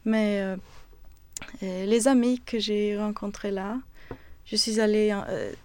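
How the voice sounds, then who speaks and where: Slow, hesitant woman speaking French. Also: medium pitch, flat delivery, a little mellow, clean tone, no room sound. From Sweden. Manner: hesitant, searching for words, many fillers. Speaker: interviewee. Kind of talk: casual conversation.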